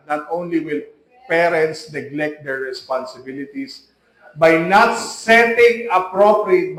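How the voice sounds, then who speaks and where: A man's voice: a little high, a bit bright, reverberant. A man preaching an emphatic sermon as pastor, full of rhetorical questions to the congregation. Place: church hall.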